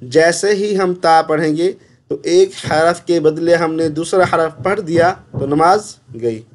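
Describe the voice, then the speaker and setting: A man teaches tajweed, stretching each syllable very slowly. His voice sits high for a man. He repeats sounds patiently and corrects errors one by one. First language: Urdu. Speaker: Quran recitation teacher. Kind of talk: slow tajweed lesson with drawn-out recitation.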